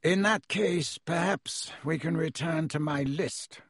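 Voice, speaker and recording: A man voicing a cold, haughty aristocratic wizard father with a slow, disdainful, clipped delivery and a slightly husky tone. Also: a little high, animated, no room sound, studio quality, full character voice.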